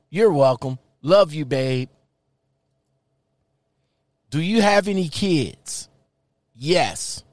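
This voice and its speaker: A man reading aloud and commenting casually, with an informal, slangy and halting delivery. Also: a little high, darkish tone, no room sound. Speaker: online commentator.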